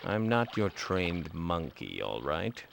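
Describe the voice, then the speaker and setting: A man voicing a snooty toy creature, deep and swooping. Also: big pitch swings, slow, gravelly, a bit bright, slight background noise, heavily acted. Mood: condescending. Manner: sarcastic, condescending, lecturing. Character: snooty male talking toy creature that looks down on humans.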